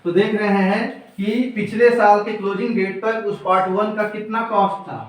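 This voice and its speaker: A man's voice: high-pitched, little pitch movement, moderate pace. A male teacher giving a classroom accounts lesson, quizzing students and repeating their answers back. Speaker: commerce teacher. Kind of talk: classroom lecture. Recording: echoey room, mic far off.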